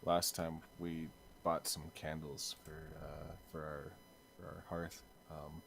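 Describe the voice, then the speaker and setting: A young man co-hosting a podcast, chatting casually in a hesitant, halting way full of fillers and restarts. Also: very deep voice, level tone, gravelly, fairly bright tone, slight background noise. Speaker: podcast co-host. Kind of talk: casual chat.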